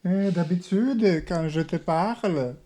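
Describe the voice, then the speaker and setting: A woman with a Parisian French accent and a fairly deep, dark, soft-edged voice. She talks unhurriedly in casual conversation, teasing playfully. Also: takes it slowly. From France.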